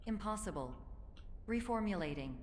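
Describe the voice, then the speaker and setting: A woman voicing a malfunctioning AI therapy system with a glitching robotic computer voice, giving flat, clipped announcements. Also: mid-range voice, normal speed. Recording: echoey game audio with noise.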